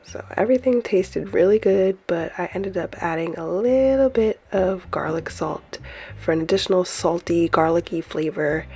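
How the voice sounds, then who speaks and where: A woman's voice: lowish voice, normal speed, dark tone, slightly rough. A woman hosting her own cooking channel, talking through a recipe in a friendly, easygoing voice-over.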